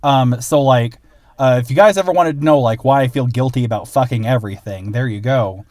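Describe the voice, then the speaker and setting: A man from Illinois co-hosting a film podcast, talking earnestly with lots of halting fillers and frequent laughs. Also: medium pitch, a little mellow, no room sound. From Illinois, USA. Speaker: podcast co-host. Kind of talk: casual film podcast chat.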